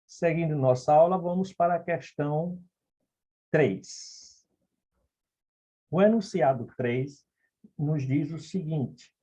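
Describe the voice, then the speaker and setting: On a dull lo-fi recording, a Portuguese grammar teacher solves phonetics exam questions step by step, checking in often with "ok?" and "beleza?". His mellow voice is on the high side with a breathy edge, and he goes slowly with long pauses.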